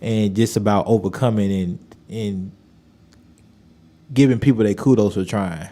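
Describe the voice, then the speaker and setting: A man with a fairly low voice in a conversational interview. He sounds reflective and colloquial, circling back over his phrases as he works through a thought. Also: measured pace, dark tone. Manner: reflective, colloquial, repeating phrases, frequently affirming.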